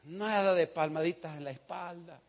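A man preaching a sermon, telling a story with passion, dropping to a hush and rising to shouts. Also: a little high, normal speed, dull audio. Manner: impassioned storytelling, swings from hushed to shouting. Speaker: pastor.

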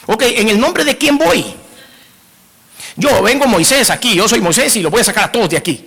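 A man's voice: high voice, expressive, moderate pace, creaky, fairly bright tone, breathy edge, big-room sound, pitched above the performer's own voice, exaggerated voice. A man playing Moses as a fussy, anxious grown man who demands written orders, in a mock-bureaucratic fretful tone.

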